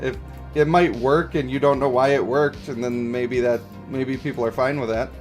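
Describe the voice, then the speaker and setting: A man with a steady, mid-range voice speaks at a moderate pace while hosting a game stream over music. In relaxed conversation he responds to viewer comments, explains his position and checks for agreement.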